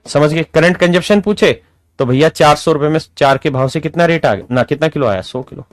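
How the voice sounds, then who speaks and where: A man teaching an arithmetic class, lively and coaxing, often asking his students whether they follow. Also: on the high side, a little fast, dry recording, clean studio sound. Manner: lively, calls students "my dear children", rhetorical questions. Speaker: maths teacher. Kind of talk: classroom maths lesson.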